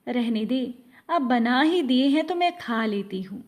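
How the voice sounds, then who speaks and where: A woman's voice: on the high side, lively intonation, unhurried. A woman voicing a grumpy, demanding older mother-in-law who scolds sharply in a household story. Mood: scolding.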